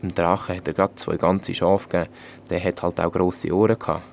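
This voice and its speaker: A man with a Swiss German accent telling a fairy tale in a calm, even manner. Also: low-pitched, normal speed, vocal fry, slight background noise. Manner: calm, even storytelling in dialect. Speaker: storyteller.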